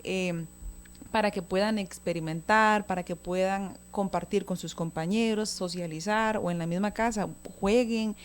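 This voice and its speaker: A woman's voice: mid-range voice, fairly even intonation, moderate pace. Woman explaining things patiently. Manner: explains patiently, often checks in with a question tag. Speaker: guest expert on child communication. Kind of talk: explanatory talk-show conversation.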